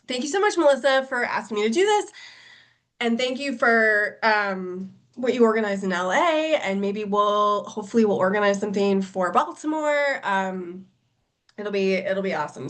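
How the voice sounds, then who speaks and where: A woman's voice: medium pitch, a bit bright. A woman with a cold and a nasal voice, chatting casually with many ums, then reading her short story aloud at a book launch. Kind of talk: live reading of literary fiction.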